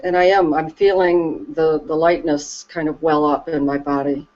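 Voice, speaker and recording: A woman talking slowly and reflectively about her calm as a Reiki practitioner, soft and hesitant with many pauses and restarts. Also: sits low. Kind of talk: slow reflective conversation. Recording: dull lo-fi recording.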